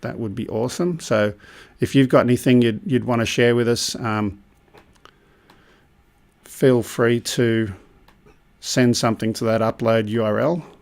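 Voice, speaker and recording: A man hosting a live stream, chatting casually, reading viewer comments aloud between relaxed ums. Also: medium pitch, unhurried, vocal fry, long pauses. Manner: relaxed, rambling with many ums.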